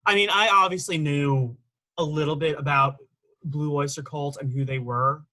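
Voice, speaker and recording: A man's voice: a little high, steady tone, normal speed, sharp tone, low-quality recording. A young man co-hosting a casual music review chat, rambling a little and hedging his takes with "in my opinion.". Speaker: podcast co-host.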